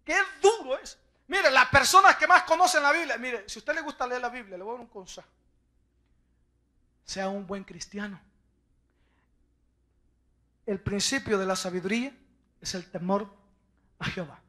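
A male pastor with a Mexican Spanish accent preaching a sermon, acting out quotes and breaking into sudden shouts. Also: extremely high pitch, normal speed, pauses often.

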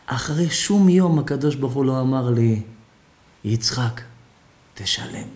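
A ninety-three-year-old man sobs out his gratitude in a sermon tale, voiced by a male preacher. He talks low and subdued, then breaks into sudden high, loud pleas. The tone stays tearful and earnest throughout. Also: expressive, close to an everyday voice. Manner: tearful, pleading.

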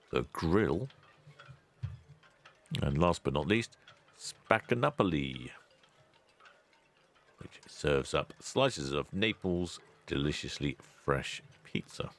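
Host VO: very low male voice, casual and wry, cheery sign-offs. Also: expressive, slow pace, pauses often. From England. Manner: chatty, dry asides, loud cheery greetings. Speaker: ship-spotting channel host. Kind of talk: relaxed voice-over narration.

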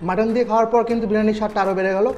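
A woman's voice: mid-range voice, steady tone, racing, dark tone, lo-fi sound. A woman reviewing food for her viewers in a chatty way, talking while chewing. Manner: chatty, addresses viewers directly. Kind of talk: casual food review vlog. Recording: faint music behind.

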